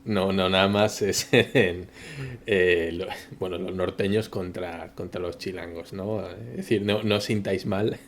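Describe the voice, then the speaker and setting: A man with a Spain Spanish accent steers a casual podcast talk, asking questions and keeping it moving. His voice is fairly low. A faint ambient hum runs under it. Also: steady tone, measured pace. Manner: asks questions, moderates. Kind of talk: casual chat.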